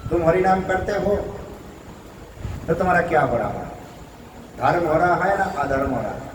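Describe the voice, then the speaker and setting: A male monk preacher telling a devotional story slowly, repeating points and questioning his listeners. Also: on the high side, sing-song, slight background noise. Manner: slow, repetitive, questioning the audience. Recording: echoey hall from far off.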